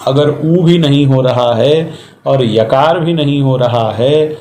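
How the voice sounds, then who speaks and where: A man's voice: mid-range voice, takes it slowly, dark tone, echoey room. A man giving a methodical classroom lecture on Sanskrit grammar, explaining step by step with examples. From India.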